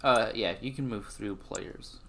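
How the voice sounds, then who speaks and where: A man running a tabletop game as game master, explaining the rules in a measured, patient way. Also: lowish voice, gravelly, bright, forceful tone.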